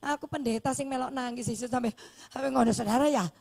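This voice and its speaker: A woman's voice: a little high, fast, creaky, darkish tone. A woman pastor, preaching a sermon and telling a story animatedly, acting out the dialogue.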